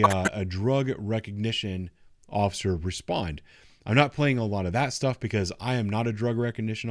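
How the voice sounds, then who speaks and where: A man's voice: on the low side, heavy background noise. A man giving unscripted, instructive commentary on video footage in a matter-of-fact way. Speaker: commentator reviewing police footage.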